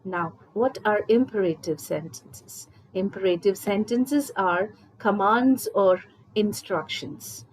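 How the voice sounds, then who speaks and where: A female English teacher with a mid-range voice walks her students through a grammar lesson step by step, slowly and patiently, speaking to them directly. It's a recorded school lesson with rough audio and slight background noise.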